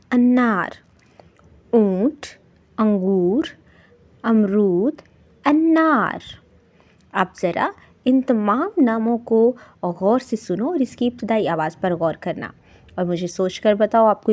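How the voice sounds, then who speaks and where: Woman teacher, unhurried, drawing out each letter sound for small kids. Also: medium pitch, mellow. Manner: slow, drawn-out sounding of letters and words. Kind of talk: children's lesson narration.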